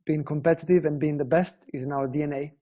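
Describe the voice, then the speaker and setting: Teaching guitar online, a young man from Italy speaks with an Italian accent, explaining things sincerely and frequently asking his viewers questions. He talks fast in a slightly high, mellow voice that holds a steady tone.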